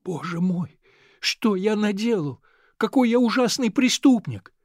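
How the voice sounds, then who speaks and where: A man's voice: high voice, lively intonation, moderate pace, darkish tone, no echo, clean studio sound. A man voicing a young boy who is crying and defiant. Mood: despairing.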